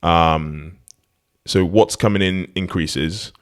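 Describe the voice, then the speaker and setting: A man with a very low voice, chatting casually as a podcast host. He rambles and restarts his sentences, laughing often as he talks. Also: steady tone, slow. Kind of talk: casual conversation.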